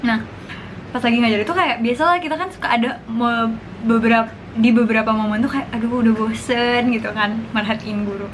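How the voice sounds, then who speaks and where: A woman's voice: fairly high pitch, a little fast. A woman, chatting casually and informally to viewers as she eats, sometimes with her mouth full. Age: 20s. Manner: talks while eating, mouth sometimes full; chatty, informal, slang and English interjections. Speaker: vlogger. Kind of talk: casual mukbang chat to viewers. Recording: clear background noise.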